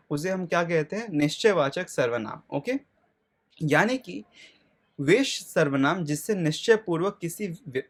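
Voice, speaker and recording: In a slightly high voice, a male teacher works through a grammar lesson, posing questions to the class and answering them himself. He checks in frequently and slows down considerably whenever he spells out lists of words.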